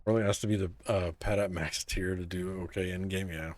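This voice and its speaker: A man's voice: deep voice, steady tone, brisk, darkish tone, slight background noise. A man streaming a game live, chatting casually with viewers and talking through his picks with lots of "so, like" and "um". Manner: laid-back, answers chat, many fillers like "so, like" and "um".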